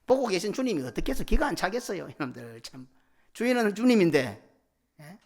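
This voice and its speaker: A middle-aged man preaching a sermon as senior pastor, swinging from loud cries to hushed whispers. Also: high-pitched, sing-song, a little fast, gravelly. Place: church sanctuary.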